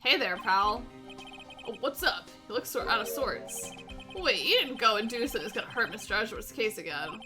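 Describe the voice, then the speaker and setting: A woman reading the lines of a gruff, loyal male police detective aloud while playing a game, with a folksy habit of calling everyone pal. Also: on the high side, expressive, brisk, music in the background, close to an everyday voice.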